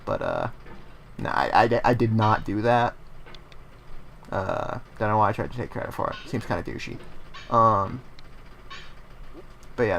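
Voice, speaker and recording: A man's voice: fairly low pitch, gravelly, a bit bright, a little hiss or hum. A man giving casual gaming commentary, swearing heavily and ranting as he gets frustrated. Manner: profane, ranting, easily frustrated. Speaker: let's play commentator.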